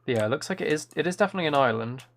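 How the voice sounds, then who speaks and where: A man streaming gameplay talks very fast in an expressive, highish voice with a fairly bright tone, musing aloud and rambling excitedly through ideas in casual stream chat. The clear recording picks up background noise and clicking keys.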